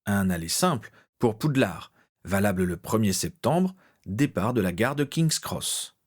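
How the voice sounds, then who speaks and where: A man narrating a story in an expressive, dramatic reading style. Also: fairly low pitch, unhurried. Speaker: audiobook narrator.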